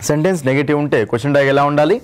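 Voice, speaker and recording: With a Telugu accent, a man runs through an exam-oriented English grammar lesson, restating each rule and asking students to confirm they understand. His smooth voice is a little high, and he talks very fast.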